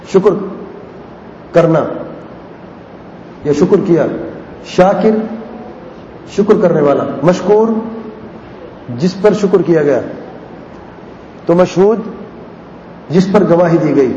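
A man teaching Arabic grammar in a classroom lesson. He repeats word patterns patiently and asks questions that he then answers himself. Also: warm tone. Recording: echoey hall, dull lo-fi sound, faint rumble.

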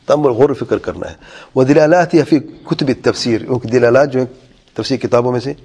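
A man with a husky, slightly breathy voice gives a religious lesson. He reads a passage aloud and then unpacks it phrase by phrase, stopping often to put questions to his listeners. His tone stays earnest and instructive throughout. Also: medium pitch, darkish tone. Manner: reads lines in Arabic then explains them, with rhetorical questions. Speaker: religious teacher. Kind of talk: religious lesson explaining a text.

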